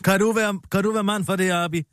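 A man co-hosting a comedy show, rambling about politics in a mock-pompous, animated way. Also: high-pitched, dry recording. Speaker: satirical co-host.

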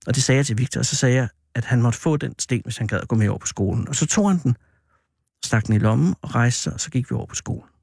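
A man hosting a show, telling a personal story in an animated, drawn-out way that turns hesitant, with many fillers. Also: medium pitch, vocal fry, breathy edge, no echo, studio quality. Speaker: radio host.

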